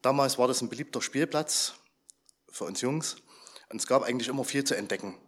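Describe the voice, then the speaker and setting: A man who is feeling unwell, his voice slightly hoarse and medium-pitched, talks a little fast in a chatty, informal address to a congregation, repeatedly asking them questions.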